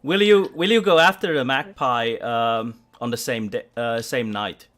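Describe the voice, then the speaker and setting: A man's voice: mid-range voice, a little slow, a bit bright. Man, game master, tabletop role-playing game, rambling narration, restarts a lot. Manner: rambling, with frequent restarts and fillers.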